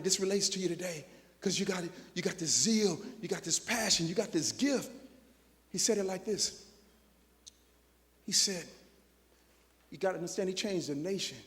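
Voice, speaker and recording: Man, middle-aged, high voice, motivational keynote, preacher-like delivery, soft to shouting, long hall echo. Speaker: motivational speaker. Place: large convocation hall.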